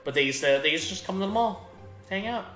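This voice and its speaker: A man's voice: high-pitched, animated, quick pace, a bit bright. A man chatting casually while he plays a video game, telling rambling stories with many restarts. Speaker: gaming streamer. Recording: echoey room with faint game music.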